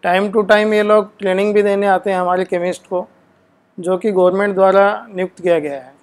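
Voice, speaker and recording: A woman's voice: mid-range voice, fairly even intonation, normal speed, a little mellow. A woman, an official, speaking in a plain, businesslike way in an interview.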